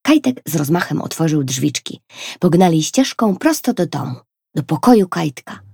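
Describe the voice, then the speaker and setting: A woman reading a children's story aloud in an expressive, gentle way. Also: sits low, moderate pace, creaky, slightly rough, dry recording, clean studio sound.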